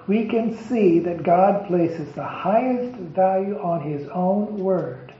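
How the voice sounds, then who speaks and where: A man preaching a devotional sermon with a raised, fairly high voice, stressing each word as he piles up lists of phrases. He speaks slowly and deliberately. The recording is muffled and lo-fi and carries a roomy echo. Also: a little hiss or hum. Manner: emphatic, deliberate listing of phrases. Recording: echoey, dull lo-fi recording.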